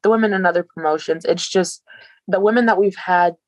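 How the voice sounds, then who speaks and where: A young adult woman, a professional wrestler, telling stories in an interview in a grateful, animated way. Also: lowish voice, brisk, dry recording. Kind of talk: casual interview storytelling.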